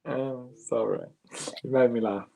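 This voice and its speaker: A man's voice: medium pitch, steady tone, a little slow, vocal fry, highs cut off. A man co-hosting a casual live-stream chat over a video call, giggling often and apologizing. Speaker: tarot deck reviewer, co-host.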